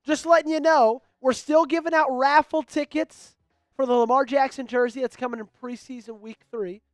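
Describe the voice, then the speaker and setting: A man hosting a live-streamed sports talk show, upbeat and rattling off shout-outs to viewers. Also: very high-pitched, steady tone, normal speed, dry recording. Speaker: host.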